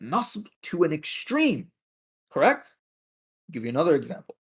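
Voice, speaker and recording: A man giving a religious history lecture, retelling narrations in an animated way and acting out the quoted lines. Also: on the high side, moderate pace.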